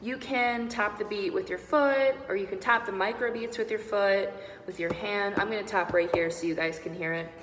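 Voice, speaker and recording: A woman's voice: medium pitch, normal speed, fairly bright tone. Upbeat woman teaching in an echoey room. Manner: upbeat, encouraging, demonstrates sounds step by step. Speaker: singing teacher. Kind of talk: online beatboxing lesson. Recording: roomy echo with long reverb and faint noise.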